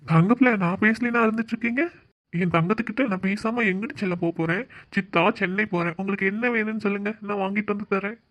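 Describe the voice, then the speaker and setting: A woman's voice: medium pitch, quick pace, lo-fi sound, close to an everyday voice. A woman voicing a persistent, affectionate young man in a cartoon. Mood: tender. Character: young man, devoted and playful suitor. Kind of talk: cartoon voice acting.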